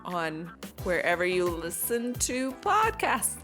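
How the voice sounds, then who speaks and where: A woman's voice: fairly low pitch, huge pitch swings, slow, fairly bright tone, faint music behind. A woman co-hosting a podcast who playfully trips over her closing lines. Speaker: podcast co-host. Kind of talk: casual podcast chat, singing a parody song. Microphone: headphones and studio mic.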